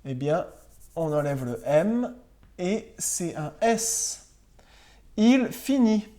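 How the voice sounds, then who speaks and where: A primary school teacher recording a lesson for pupils at home, speaking slowly and spelling words out letter by letter. The voice is mellow and rather dark, with a lively, rising and falling tune as they check again and again that everyone follows. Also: mid-range voice.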